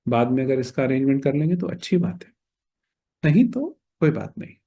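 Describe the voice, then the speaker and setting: A male teacher with a mellow, slightly husky voice guides a class step by step. He checks in with his listeners often and mixes English phrases into his teaching. When he demonstrates pronunciation, he chants mantras slowly. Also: medium pitch, very animated. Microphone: writes on a board while talking.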